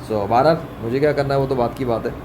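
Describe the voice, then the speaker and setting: A religious vlogger with a medium-pitched voice talks fast through an informal religious monologue, indignant and scolding, repeating phrases for emphasis. The recording is clearly noisy, with an ambient background hum and a running fan.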